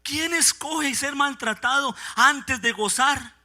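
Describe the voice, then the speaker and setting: A man delivers a fiery Pentecostal sermon in a church. His voice sits very high and sounds sharp and bright. He drops to quiet asides, then climbs into shouted preaching. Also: slow pace. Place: church sanctuary.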